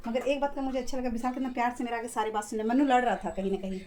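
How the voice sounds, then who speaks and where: A woman's voice: a little high, fairly even intonation, rapid-fire, a little mellow. A middle-aged woman chatting casually to her viewers in a home vlog, telling family stories while doing chores in her kitchen. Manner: chatty, addresses viewers as guys. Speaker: vlogger.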